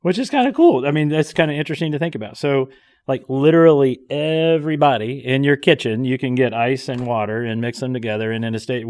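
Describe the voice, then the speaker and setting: A man's voice: mid-range voice, darkish tone. A man hosting a podcast, chatting casually and explaining with enthusiasm and frequent fillers. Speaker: podcast host.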